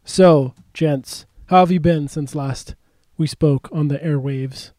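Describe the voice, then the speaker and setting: A man hosting a casual radio talk show from a studio, chatty and quick to laugh. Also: on the high side, warm tone, no echo. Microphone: studio mic with headphones.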